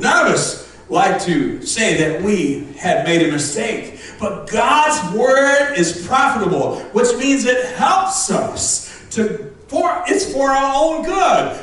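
A man preaching a lively, joking sermon as pastor, acting out how his congregation answers him. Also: very high-pitched. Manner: lively, jokey preaching that acts out congregation responses. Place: church sanctuary. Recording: very echoey room, distant mic, faint noise.

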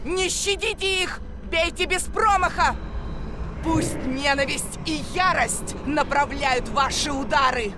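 Fierce dark villainess, high-pitched. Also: female voice, slow, heavy background noise. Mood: fierce, commanding. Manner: commanding, incantatory exhortations. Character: fierce female servant of darkness, urging on slaughter. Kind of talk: video game villain acting. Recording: loud game music and effects behind.

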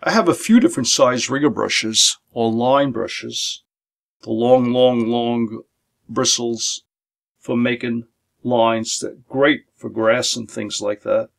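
A middle-aged man, an art instructor, calmly and methodically walks through his painting supplies, listing them one by one. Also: medium pitch, slow pace, vocal fry. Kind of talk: instructional demonstration. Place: home art studio, indoors.

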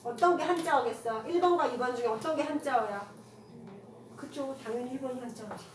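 A woman teaching a classroom grammar lecture, firing quick rhetorical questions at her students and mixing casual with polite speech. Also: sits high. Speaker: Korean language teacher. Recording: echoey room from far off, noisy.

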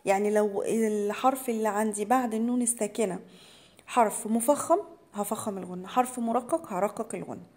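A woman with an Egyptian accent teaching Quran recitation to beginners, reciting slowly and explaining the rules briskly. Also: mid-range voice, a little mellow. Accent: Egyptian Arabic. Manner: slow drawn-out recitation between brisk explanations. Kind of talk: tajweed lesson for beginners.

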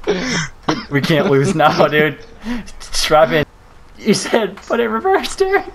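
A young man with frat-bro energy chats with his gaming team in excitable slang. His pitch leaps around dramatically, and the voice chat is very noisy with clicks. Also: slow.

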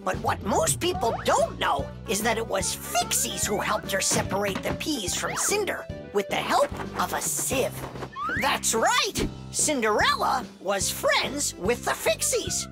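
A woman narrating like a storybook, her voice high and swooping widely from phrase to phrase. The delivery is playful and lilting. Loud music plays beneath her. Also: wildly swooping pitch, unhurried.

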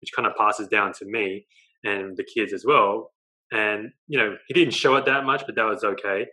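The recording is rough: a young Australian man with a lowish voice and a moderate pace, interviewed by video call from home in his living room. He's a dating coach who narrates his story animatedly, with lots of gestures and a habit of adding "right?"

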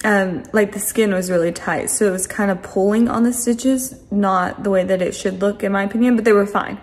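A woman's voice: medium pitch, fairly quick, darkish tone. A woman in her twenties chatting casually to a handheld camera in her home kitchen, rambling with lots of ums and likes. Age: 20s. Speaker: lifestyle vlogger. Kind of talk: casual vlog chat to camera. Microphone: phone camera at arm's length.

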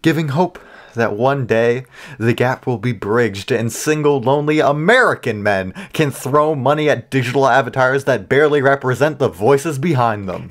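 A man hosting his own channel, narrating a comedic video essay with sarcastic, joking asides. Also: mid-range voice. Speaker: YouTuber host.

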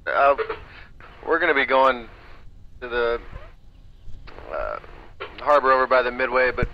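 A man's voice: medium pitch, expressive, a little slow. Man talking over a muffled walkie-talkie. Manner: casual radio talk with fillers. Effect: heard over a walkie-talkie marine radio. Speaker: fishing boat captain. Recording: muffled radio with faint hiss.

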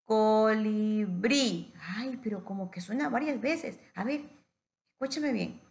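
A woman teacher giving a patient phonics lesson to young children, stretching words out slowly. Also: fairly high pitch, lively intonation, creaky, darkish tone.

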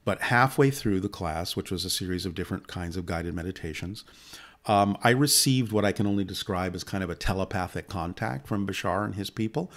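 A man in his sixties with a deep, low voice talks at a measured, even pace. He recounts a long personal story in a steady, unhurried way, seated close to a studio microphone. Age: 60s. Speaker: guest. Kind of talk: long personal account in conversation. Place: indoor studio set. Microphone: boom-mounted studio mic close by.

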